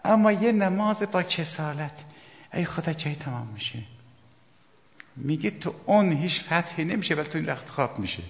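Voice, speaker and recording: A man preaching a sermon, emphatic, swinging between loud outbursts and hushed asides. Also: fairly high pitch, vocal fry. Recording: long hall reverb.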